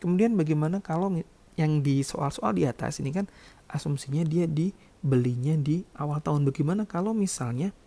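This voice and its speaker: A male accounting lecturer with a fairly high, mellow voice teaches at a moderate pace. He explains things step by step in an instructional manner, repeatedly dropping in short tag words to check in.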